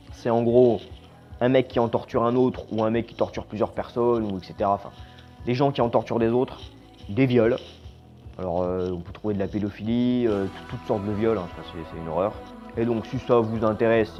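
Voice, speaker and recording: Blunt, slangy man reviewing horror films. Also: mid-range voice. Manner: blunt, slangy, trails off quietly at phrase ends. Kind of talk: casual opinionated film review. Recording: slightly dull lo-fi sound with faint music.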